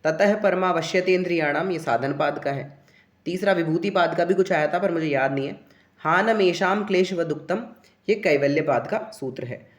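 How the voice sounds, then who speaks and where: A man's voice: on the high side, moderate pace, echoey room. A man teaching an exam answer-key lesson, chanting Sanskrit sutras in a recitation cadence and urging students in a coaxing teacher's tone. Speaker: yoga exam tutor.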